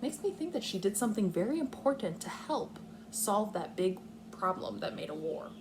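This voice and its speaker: With faint noise in the background, a woman kindergarten teacher guides young children through a read-aloud, voicing her thought process step by step. She talks at a moderate pace with a lively, shifting pitch.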